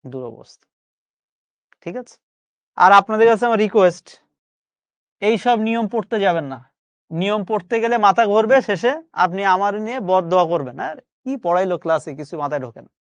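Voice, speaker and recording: A man with a Bangladeshi Bengali accent teaches spelling in a live online class, coaxing students and repeating each word for them to drill, with chatty colloquial asides. His voice sits high, and there is no room sound.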